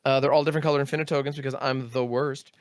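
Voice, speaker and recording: A man talking through his turn at a card game, counting out loud and dropping little sound-effect words as he plays. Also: medium pitch, little pitch movement, rapid-fire, no echo. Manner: methodical, counts aloud, sound-effect interjections. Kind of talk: casual play-by-play of his own turn.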